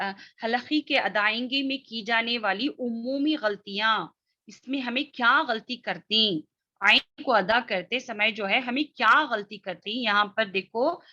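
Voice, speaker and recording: Bright-voiced woman teaching recitation. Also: a little high, lo-fi sound. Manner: explains step by step, checks understanding with repeated "theek hai" and "hm?"; demonstrates letter sounds slowly and forcefully. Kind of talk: online class lesson.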